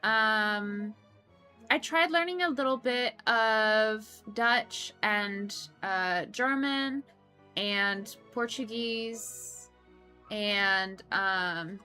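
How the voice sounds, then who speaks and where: A young woman hosts a casual coworking stream, reading viewer comments aloud in a mid-range voice that is extremely slow, pushed and bright, clear and resonant. She's chatty, laughing often and peppering her talk with ums and restarts, while faint music plays in the background.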